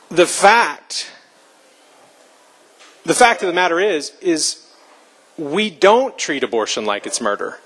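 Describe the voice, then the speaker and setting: A man's voice: on the high side, fairly bright tone. A young adult man giving an earnest, emphatic public talk to a live audience. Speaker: speaker. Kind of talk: public speech.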